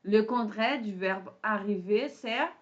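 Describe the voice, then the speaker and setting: A woman with a Brazilian Portuguese accent teaching an online French lesson, patient, with pauses and fillers. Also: medium pitch. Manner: switches to Portuguese to explain. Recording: dull lo-fi sound.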